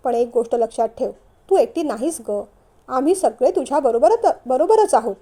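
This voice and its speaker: A woman's voice: sits high, lively intonation, normal speed, mellow. A woman voicing a middle-aged mother-in-law, firm and scolding yet caring, in a storybook reading.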